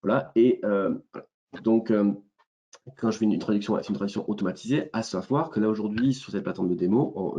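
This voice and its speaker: Hesitant southern French man demoing software. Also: deep voice, muffled recording. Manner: hesitant, many fillers and restarts. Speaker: software presenter. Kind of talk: webinar product demo.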